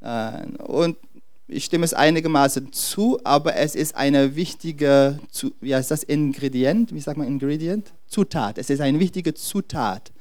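A man's voice: a little high, darkish tone, no echo. A man preaching a sermon to his congregation, often stopping to search for words and starting his sentences over. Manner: searches for words, halting restarts; speaks to the congregation directly. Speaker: pastor.

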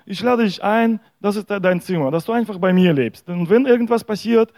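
A man's voice: high-pitched, fairly quick, darkish tone, dry recording. A man voicing a distressed homeowner who pleads urgently for help. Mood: pleading.

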